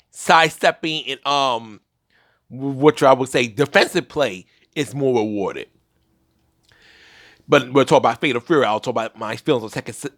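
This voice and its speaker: A man's voice: mid-range voice, fairly bright tone, no echo, studio quality. A young man giving casual solo commentary on a fighting game, rambling with restarts and fillers. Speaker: gaming commentator.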